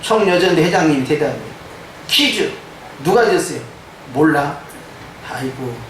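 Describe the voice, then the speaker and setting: A male pastor delivering a lively sermon, acting out voices he quotes, with a touch of Jeolla dialect. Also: fairly high pitch, moderate pace, a little hiss or hum. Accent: Korean, some Jeolla dialect. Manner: animated preaching, mimicking quoted voices. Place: church sanctuary. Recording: echoey church hall from far off.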